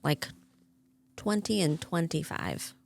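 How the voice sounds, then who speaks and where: A woman's voice: deep voice, big pitch swings, gravelly. A woman in her thirties co-hosting a podcast in casual chat, playful and teasing. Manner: playful, teasing, quick to laugh. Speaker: podcast co-host.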